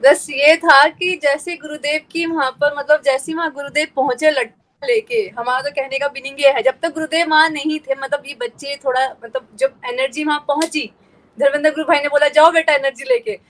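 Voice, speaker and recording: A woman's voice: high-pitched, fairly quick, a bit bright. A woman in casual conversation, speaking emphatically. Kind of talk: casual chat.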